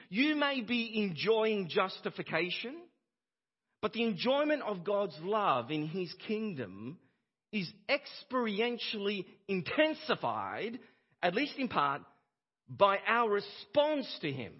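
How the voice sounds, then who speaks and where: A man preaching with a high, husky voice that rises and falls all over the place. He presses his points with rhetorical questions and repeats key lines for weight. The sound is muffled and lo-fi, like old church sermon audio. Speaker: pastor.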